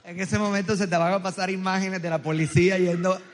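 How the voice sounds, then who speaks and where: A married adult pastor with a coastal background preaches a humorous sermon in a large church hall with tiered seating, joking, telling stories and quizzing the crowd. His male voice is high, loud and strong, with a level tone and brisk pace. A big hall's long reverb surrounds him.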